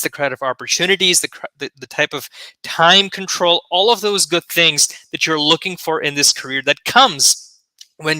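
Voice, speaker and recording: A man's voice: a little high, pushed and bright, dry recording, poor audio. A man co-hosting an online event, speaking conversationally on a video call. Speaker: co-host of an online summit. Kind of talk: conversational presenting.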